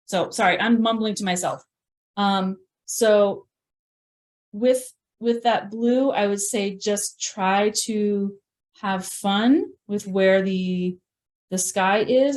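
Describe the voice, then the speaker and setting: A woman leading a live virtual painting class, chatting and thinking aloud as she paints, often laughing at herself. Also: medium pitch. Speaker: painting instructor. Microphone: video call.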